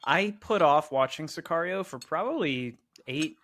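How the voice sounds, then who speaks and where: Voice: mid-range voice, lively intonation, moderate pace, fairly bright tone. A co-host of a film podcast, chatting casually in an easygoing way and laughing along.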